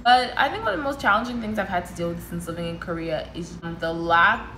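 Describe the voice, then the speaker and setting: A woman's voice: mid-range voice, fast talker, reverberant, background noise. A young woman from Canada with a Toronto accent, answering viewer questions in a casual, chatty vlog and laughing often. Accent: Toronto Canadian English. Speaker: vlogger.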